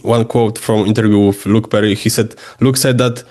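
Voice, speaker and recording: A man's voice: fairly low pitch, steady tone, normal speed, darkish tone. A man whose first language is Polish, hosting a podcast and asking interview questions in English, hesitant and often searching for words. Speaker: podcast host.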